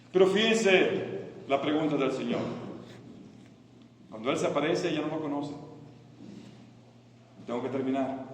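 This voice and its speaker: A man preaching a sermon, dropping to soft low phrases and rising to loud impassioned peaks. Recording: echoey hall, distant mic, faint ambient noise.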